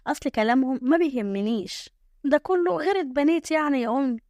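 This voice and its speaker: A woman's voice: high voice, quick pace, darkish tone, no room sound, clean studio sound, natural voice. A woman voicing a cheerful, easygoing young village woman with an Egyptian accent, shrugging off insults. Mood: carefree. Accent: Egyptian Arabic.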